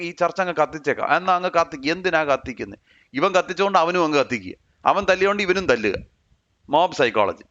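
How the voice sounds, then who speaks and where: A man's voice: on the high side, sharp tone, highs cut off. A man with a Kerala Malayalam accent teaching a Bible study, firing off rhetorical questions and pushing his voice up sharply as he presses each point.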